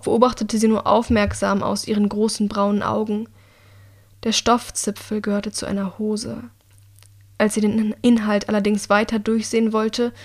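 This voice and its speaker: A woman reads a novel aloud as an audiobook narrator. Her delivery is steady and even, in the manner of plain scripted storytelling. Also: a little high.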